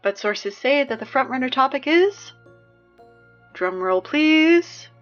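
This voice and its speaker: In a scripted audio drama, a young woman plays a wry, peppy teenage girl reading high school announcements in a chatty, sardonic, emphatic style. She sounds expressive, slow, wry, and upbeat, with highs cut off and faint music underneath.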